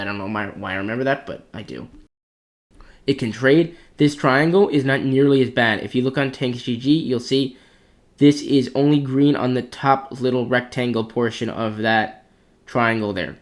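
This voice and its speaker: A man giving blunt, opinionated commentary as he ranks tanks for competitive play, thinking aloud as he goes. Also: medium pitch. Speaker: clan commander ranking tanks. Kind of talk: casual gaming commentary.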